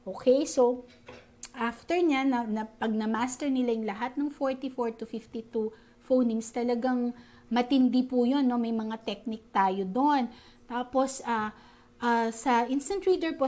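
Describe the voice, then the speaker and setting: Woman teacher, bit high voice, sounds out letter sounds and keeps asking "no?" to check in, polite and explanatory. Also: mellow. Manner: demonstrates phoneme sounds, frequent "no?" tag questions; polite, uses "po" often. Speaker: reading teacher. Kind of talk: explanatory talk on teaching reading.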